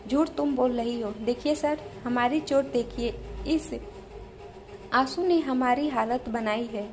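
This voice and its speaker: A woman's voice: fairly high pitch, takes it slowly, a little mellow. A woman voicing two complaining young men in an audio story, accusing a classmate.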